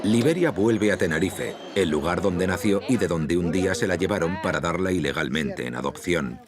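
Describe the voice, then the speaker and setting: A man reading a documentary narration in a measured, even way. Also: low voice, a crowd in the background. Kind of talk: scripted narration. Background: music.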